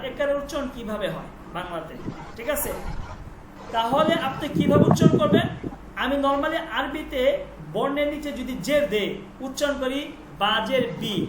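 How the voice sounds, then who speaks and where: A man teaching an online language class, patiently repeating sounds and checking that students follow. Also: very high voice. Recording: echoey room with clear noise.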